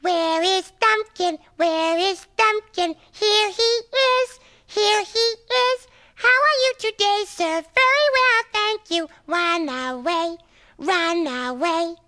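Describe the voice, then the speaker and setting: A man's voice: extremely high pitch, big pitch swings, takes it slowly, pushed and bright, exaggerated voice. A man voicing a cheerful, giggly little red monster child who talks about himself in the third person, in a children's puppet show. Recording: children's music playing underneath.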